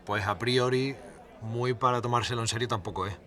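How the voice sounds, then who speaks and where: An actor plays a blunt TV cameraman from Cáceres, Extremadura, in a mock documentary interview, recalling events hesitantly and colloquially, resentful yet kindly. His natural, mid-range voice is brisk and a bit bright with fairly even intonation, over soft background music.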